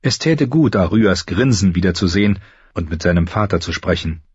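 A man reads an audiobook in a measured, even way. His voice is deep and husky. The recording is dry and slightly dull. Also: no echo. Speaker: audiobook narrator. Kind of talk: scripted narration.

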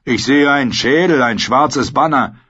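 Guy putting on a rough sellsword, blunt and offhand, husky, lo-fi sound. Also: medium pitch, moderate pace, a bit bright, pitched above the performer's own voice. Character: rough mocking sellsword man. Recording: dull lo-fi audiobook recording.

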